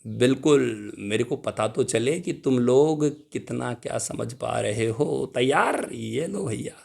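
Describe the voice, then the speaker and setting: Gravelly-voiced man teaching accounting. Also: mid-range voice, takes it slowly. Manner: animated, asks and answers his own questions, calls students "beta". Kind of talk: exam-prep lecture.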